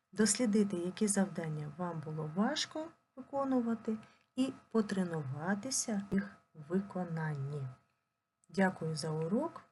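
A woman teaching a primary school language lesson, dictating slowly and clearly and drawing words out syllable by syllable. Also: fairly low pitch, darkish tone, slight background noise. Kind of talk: recorded online lesson.

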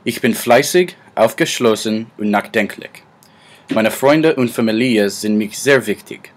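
19 yr old american guy, english native, reading out his class project slow and careful, lowish voice. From United States. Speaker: student. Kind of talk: read class presentation.

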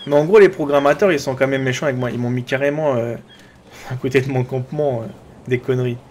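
A man with a French accent doing chatty, excitable let's play commentary, talking to his viewers and to his own character. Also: medium pitch, fast, slight background noise. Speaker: gaming YouTuber.

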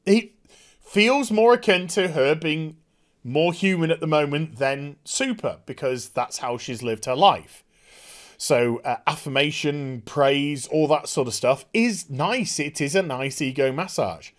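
A man's voice: fairly high pitch, measured pace. A man giving a casual, swear-filled review of a TV episode and acting out the scenes as he goes. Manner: animated, swears freely, acts out scenes in put-on voices. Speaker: TV show reviewer.

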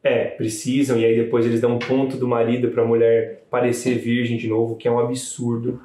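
A man, a new father, telling the story of his child's birth in a casual, animated way to camera. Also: mid-range voice, fairly quick, reverberant. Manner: chatty, animated retelling with frequent "né" tags.

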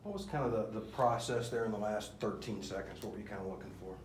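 A man working as a reporter, asking quick, informal questions at a press conference. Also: lowish voice. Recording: distant voice in an echoey room with faint noise.

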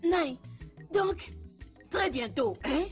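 An actress dubbing a jubilant mother who keeps loudly praising God over her daughter's engagement. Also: sits high, expressive, drawn-out words, soft background music, full character voice. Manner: loud exclamations, praising God. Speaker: mother of the bride-to-be. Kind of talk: dubbed film acting.

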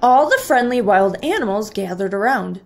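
A woman teacher reading a picture book aloud to children in an expressive, measured way. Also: mid-range voice, vocal fry.

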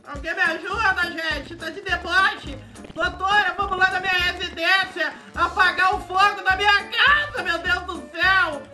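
Game role-play: a squeaky, bright, hysterical homeowner, panicked and pleading. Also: male voice, moderate pace, faint music behind, exaggerated voice. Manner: panicked, whiny, pleading shouts. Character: frantic shouting man, house on fire, face tattoo. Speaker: streamer playing a role-play game character.

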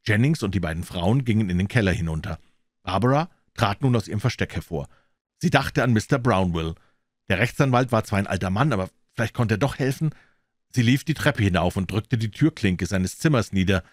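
A man narrates a crime novel in a calm, measured audiobook reading. His voice sits low, and the recording is dry and close with no room sound. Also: no echo. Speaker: audiobook reader.

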